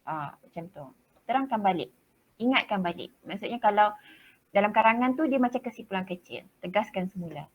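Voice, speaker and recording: A woman's voice: mid-range voice, animated, fairly quick, dull audio. A woman teacher with a Malaysian Malay accent, chatty and direct as she explains how class presentations are marked, now and then slipping English words into her talk. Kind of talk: classroom briefing on presentation marking.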